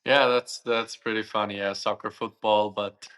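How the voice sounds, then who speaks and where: A man's voice: fairly low pitch, little pitch movement, moderate pace, fairly bright tone. A young man from Switzerland, a guest answering interview questions thoughtfully and searching for his words.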